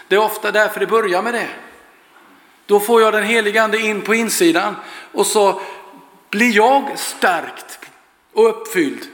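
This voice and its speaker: A man's voice: high voice, a bit bright. A man preaching and praying, earnest and fervent, telling a story to his congregation. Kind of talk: sermon with prayer and storytelling. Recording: echoey hall with long reverb.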